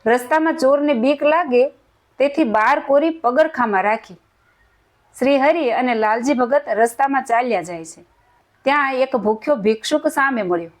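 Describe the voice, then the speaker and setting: A woman telling a devotional story in a slow, even, recited way. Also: high-pitched. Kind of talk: scripted devotional story narration.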